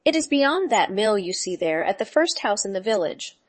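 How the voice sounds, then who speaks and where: A woman voicing a sweet, trusting little girl in a storybook, speaking high and eagerly. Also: big pitch swings, moderate pace, no echo. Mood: helpful.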